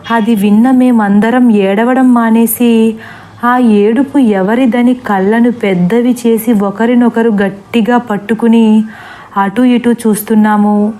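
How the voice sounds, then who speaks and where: A woman narrating a horror story in a steady, dramatic storytelling voice. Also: a little high, slow.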